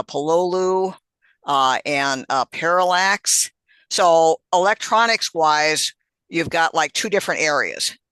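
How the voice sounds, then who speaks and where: A man's voice: a little high, pushed and bright, clean tone, no echo. A man leading a hobby meetup on an online call, explaining casually with many fillers and restarts. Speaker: meetup organizer and instructor.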